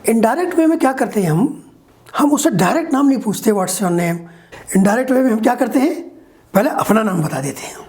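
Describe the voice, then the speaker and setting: A man teaching spoken English as a lesson. He explains in Hindi and reads each English example phrase slowly and deliberately. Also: extremely high pitch, animated, a little mellow.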